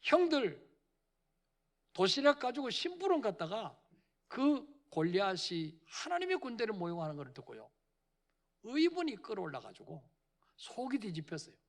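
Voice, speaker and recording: A man's voice: high-pitched, wildly swooping pitch, normal speed, long pauses. A male senior pastor preaching a sermon in a church, calling out to the congregation and acting out quoted voices. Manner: preaching with call-and-response, dramatic quoted voices. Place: church sanctuary.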